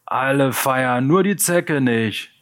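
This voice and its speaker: A sneering thug boss in a gritty audiobook, drawling his mockery slow and loud, as a male narrator puts him on. He sounds higher and harder than the plain reading, every word dragged out with cruel, sugary scorn. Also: expressive. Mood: taunting. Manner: slow, taunting, mock-sweet. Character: mocking loud neo-Nazi gang leader, young man.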